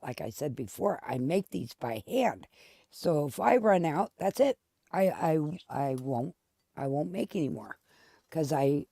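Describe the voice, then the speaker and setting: A woman with a gravelly, mellow voice talks casually over her gameplay. She rambles from one story to the next, restarting sentences as she goes. The sound is dry and close. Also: deep voice, no room sound. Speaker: gaming channel host. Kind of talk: casual chat while playing a game.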